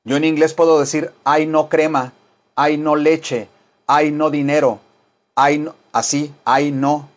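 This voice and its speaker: A man teaching an English lesson, drilling phrases with slow repetition and modeling English sentences. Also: fairly high pitch, little pitch movement.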